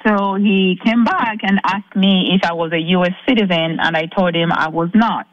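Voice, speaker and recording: A woman from Zambia calling in to a talk show, earnestly telling her story with halting restarts. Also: on the low side, no echo, highs cut off. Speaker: caller. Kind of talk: recounting a personal ordeal on a call-in show.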